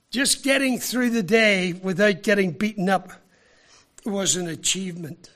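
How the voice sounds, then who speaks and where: A man from Ireland, preaching a sermon with emphatic rhetorical questions and deliberate pauses. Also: high voice, pushed and bright. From Northern Ireland.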